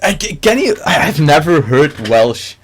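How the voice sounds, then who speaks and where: A man's voice: on the high side, sing-song, a little slow, breathy edge. A man from Belgium co-hosting a casual podcast, playful and jokey. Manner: playful, jokey, laughs often. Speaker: podcast co-host.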